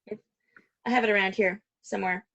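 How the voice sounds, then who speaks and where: A woman's voice: mid-range voice, steady tone, brisk, creaky, a bit bright, dry recording, dull audio. A woman hosting a podcast over a call, talking in a chatty, rambling way and laughing often. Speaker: podcast host. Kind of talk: casual interview chat. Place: home call. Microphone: video call.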